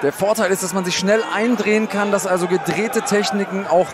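A man with a high-pitched voice gives live, analytical fight commentary as the expert. He explains things point by point, speaking up over a loud crowd and arena noise. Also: fairly even intonation, brisk.

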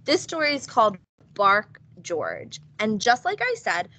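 A woman early childhood teacher giving a read-aloud lesson in an online meeting, expressive and questioning. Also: mid-range voice, unhurried, poor audio.

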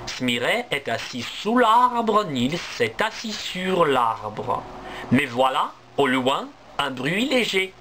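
Slow expressive male storyteller. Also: on the high side, slight background noise. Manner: clear, expressive, deliberate. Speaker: language teacher. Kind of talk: slow storybook reading for learners.

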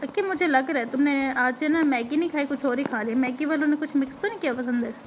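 A young woman from Pakistan, a game streamer with a hoarse throat, chatting and teasing viewers as she reads their comments during a live stream. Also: high voice, fast talker, noisy background. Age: young adult. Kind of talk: live-stream chat while gaming. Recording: loud gunfire from the game behind.

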